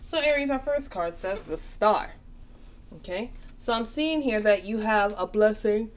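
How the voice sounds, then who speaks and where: A woman's voice: medium pitch, expressive, unhurried, slight background noise. A tired woman giving a casual tarot reading, chatty and reassuring, often checking in with "okay?". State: tired, yawning. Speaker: tarot reader.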